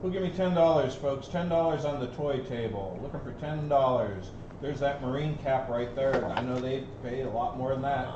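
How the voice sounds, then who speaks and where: A man's voice: mid-range voice, moderate pace. A man working as an auctioneer, calling bids in a repeated chant with folksy banter. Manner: folksy, bantering between bid calls. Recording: roomy, distant, dull sound with faint noise.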